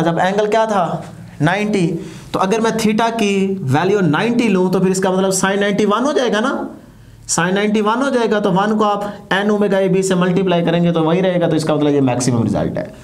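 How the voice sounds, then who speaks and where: Male teacher with a slightly high voice, lecturing step by step and quizzing the class. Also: moderate pace. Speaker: physics teacher.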